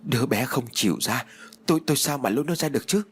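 A man's voice: mid-range voice, fairly quick, a bit bright, faint music behind, lightly acted. A man voicing a frightened woman midwife who talks in a flustered, stammering way. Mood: scared.

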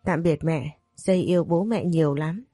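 A woman reading the part of a sweet little boy, speaking softly and tenderly. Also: low voice, normal speed, no echo, faint music behind. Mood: gentle. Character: sweet gentle little boy, a ghostly son.

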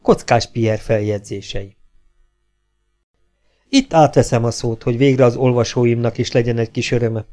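Guy reading an audiobook, wry dry narration, middle pitch, faint music under it. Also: long pauses, darkish tone. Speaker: audiobook reader.

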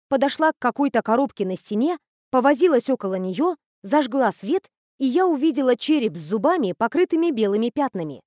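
A woman narrating a story in the first person with even, lively storytelling. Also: fairly high pitch, dry recording, clean studio sound. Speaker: audiobook narrator.

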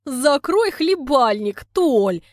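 Woman doing a gruff shouting village woman. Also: big pitch swings, a little slow, no room sound, studio quality. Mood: scolding. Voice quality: deep throaty voice. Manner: shouting curt insults, panting. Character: loud, short-tempered middle-aged village woman, gruff.

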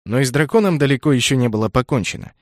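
A man narrating a fantasy audiobook in a measured, even reading. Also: medium pitch, no echo. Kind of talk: scripted narration. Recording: dry close studio sound.

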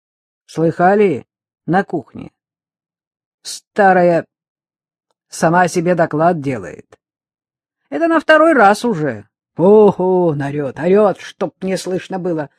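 A reader doing a brash, loud ex-convict young woman. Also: medium pitch, big pitch swings, slow pace, long pauses, dry recording, studio quality. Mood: bossy. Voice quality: loud, mocking, laughing.

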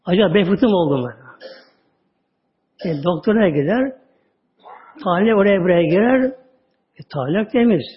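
Lively high-pitched man giving a religious talk. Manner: lively storytelling, drawn-out words, sudden drops to a low voice. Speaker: religious teacher. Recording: dull lo-fi audio recording.

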